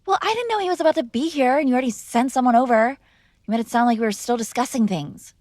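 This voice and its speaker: Speaking fast in a slightly high, somewhat mellow voice, a young woman plays a sarcastic, defiant mob boss's daughter clashing with her father. It's a scripted ASMR girlfriend roleplay, recorded at studio quality with no echo.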